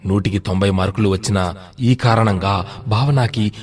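A man narrating a moral children's story in a measured, scripted storytelling manner. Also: lowish voice, steady tone, faint music behind.

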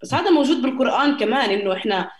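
A woman's voice: fairly high pitch, lively intonation, rapid-fire. A young woman with a Palestinian Arabic accent talks casually and personally as an interview guest. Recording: roomy echo.

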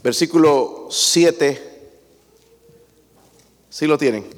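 A man's voice: fairly high pitch, very slow, long reverb tail. A man preaching a sermon as pastor, asking his congregation questions as he goes.

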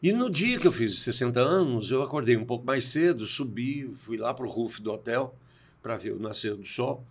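A man's voice: medium pitch, expressive, moderate pace, slightly rough. A man in his sixties from Brazil, a podcast guest telling personal stories and acting out the dialogue he quotes. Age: 60s. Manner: reflective, acts out quoted dialogue. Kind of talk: storytelling in a conversation.

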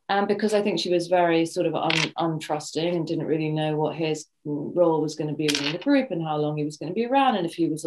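A woman from New Zealand with a British RP accent, an actress appearing as a guest, thoughtfully answers interview questions while searching for her words. Her voice is lowish and a little mellow, and the audio is poor with slight background noise.

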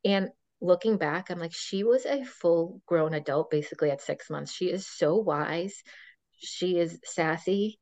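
A woman's voice: lowish voice, a little slow, darkish tone, dry recording. A woman in her thirties, a podcast guest, chatting casually and telling a long story full of fillers and quoted dialogue. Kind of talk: casual chat. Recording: dull dry lo-fi sound.

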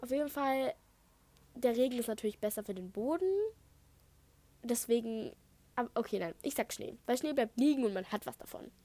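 A thirteen-and-a-half-year-old girl from Saxony, Germany hosts her own podcast at home on an Apple headset while construction noise goes on outside. Her voice is on the high side and mellow, at a normal pace with long pauses. She works through listener questions in a chatty, rambling way, drifting off topic with lots of fillers.

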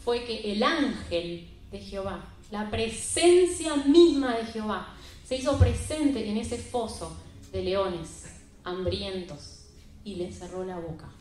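A woman's voice: mid-range voice, slow pace. A woman preaching a sermon and retelling a Bible story in an emphatic, conversational way. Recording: very echoey room with faint music.

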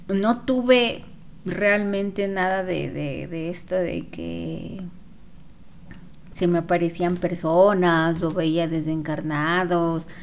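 A woman who works as a spiritual therapist, telling viewers about her past in a casual, unhurried way, with many fillers and self-corrections. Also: on the low side, a little mellow, a little hiss or hum. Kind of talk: casual personal storytelling to viewers.

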